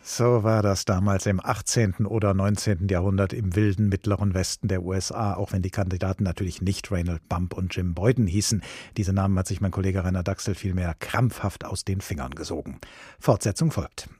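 Mellow dry-voiced German radio host. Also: male voice, low-pitched, fairly even intonation, fairly quick, husky, no room sound. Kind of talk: scripted radio moderation. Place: radio studio. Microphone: studio microphone.

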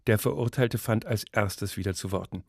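Expressive male story reader. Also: fairly low pitch, normal speed, vocal fry, husky, no echo. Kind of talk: dramatic story reading.

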